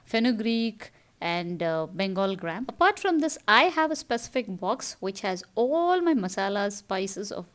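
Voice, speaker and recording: A woman's voice: mid-range voice, big pitch swings, a little slow. A woman with an Indian Tamil accent hosting a casual how-to vlog, explaining things step by step in an instructive way. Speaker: home-tips vlog host.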